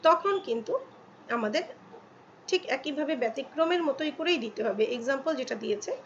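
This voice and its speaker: Woman, grammar teacher; high voice, reads English examples slowly, keeps checking in with the listener; dull lo-fi recording. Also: lively intonation. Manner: slow, drawn-out reading of English examples. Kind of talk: explaining articles to students in Bengali. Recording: dull lo-fi with faint ambient noise.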